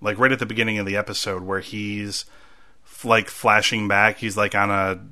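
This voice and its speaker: A man co-hosting a casual chat, rambling and acting out quotes in sudden loud bursts. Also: lowish voice, little pitch movement, moderate pace. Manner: rambling, acts out quotes loudly.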